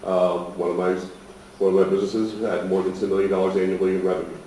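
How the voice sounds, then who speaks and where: This American man speaks quickly in a low, warm voice with little pitch movement, presenting informally as the instructor at a programme opening. He stays plain-spoken and self-deprecating, and the echoey presentation room and distant mic leave a faint hiss.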